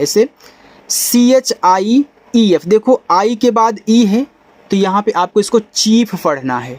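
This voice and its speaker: A man teaching a phonics lesson, spelling out letters one by one and patiently sounding out each word. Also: high-pitched. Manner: patient, repeats and checks understanding. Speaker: English teacher.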